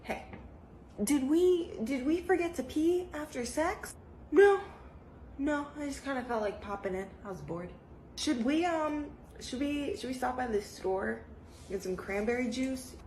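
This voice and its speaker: A woman's voice: sits high, expressive, measured pace, a little mellow, echoey room, a little hiss or hum, poor audio. A woman in a comedy sketch who sounds skeptical and exasperated.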